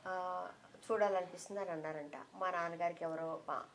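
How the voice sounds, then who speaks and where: A middle-aged woman as an interview guest, telling a personal memory with heartfelt emotion and softening her voice when she quotes others. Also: lowish voice, fairly even intonation, brisk, slight background noise. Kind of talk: reminiscing in an interview.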